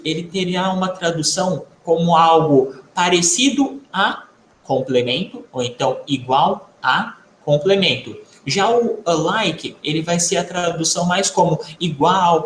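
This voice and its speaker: Patient teacher in an echoey room. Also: male voice, fairly high pitch, a little hiss or hum. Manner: patient, explanatory, tags phrases with "tá?". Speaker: English teacher. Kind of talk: video lesson explaining vocabulary.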